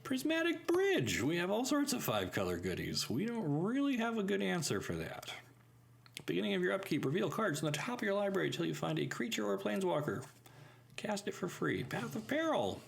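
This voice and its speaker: A man's voice: high voice, huge pitch swings, fairly quick, creaky, husky. A man hosting a card-game channel, thinking aloud and commenting on his plays in an upbeat way. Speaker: gaming channel host. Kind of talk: casual gameplay commentary.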